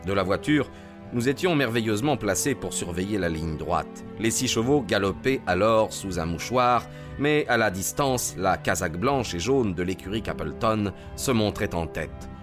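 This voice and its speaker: Calm male narrator over music. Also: on the low side. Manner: calm and measured, rising to excited shouts in the race scenes. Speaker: narrator and voice of the detective. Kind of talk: dramatic audiobook narration. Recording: music bed under the voice.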